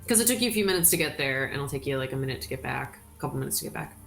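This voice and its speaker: A woman's voice: rumbling low, expressive, very fast, vocal fry, a bit bright, soft background music. A woman running a tabletop game as dungeon master, narrating in a casual, chatty way. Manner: casual, chatty, with many fillers.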